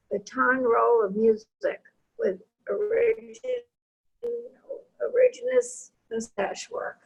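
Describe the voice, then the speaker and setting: Slow, gravelly, high-pitched woman reading aloud. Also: poor audio. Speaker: class participant reading aloud.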